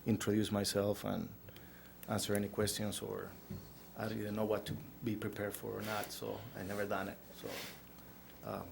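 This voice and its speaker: A man from Chile, introducing himself at a council meeting in a halting way, with many fillers and restarts. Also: lowish voice, completely flat delivery, vocal fry, background noise. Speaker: restaurant owner applying for a license. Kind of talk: nervous self-introduction at a public meeting. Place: council chamber.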